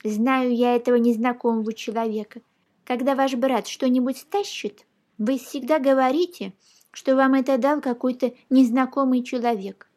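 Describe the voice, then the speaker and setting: A woman voicing a blustering old male judge who scolds loudly in a storybook reading. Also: sits high, steady tone, normal speed, close to an everyday voice. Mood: lecturing. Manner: loud exclaiming scolding.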